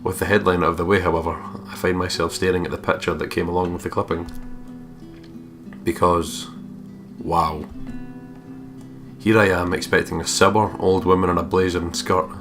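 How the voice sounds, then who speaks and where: Over game music, a man hosts a let's play, reading a visual novel aloud in a deep, level voice at a moderate pace with long pauses. He jokes around, swears freely, and breaks off into ad-libbed asides.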